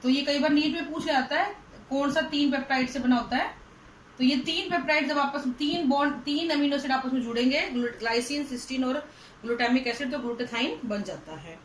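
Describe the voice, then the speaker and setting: A high-pitched woman explains a science lesson step by step, fondly calling her students 'beta'. Her voice rings in an echoey room over a faint steady hum. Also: fairly quick. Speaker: teacher. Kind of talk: whiteboard lecture.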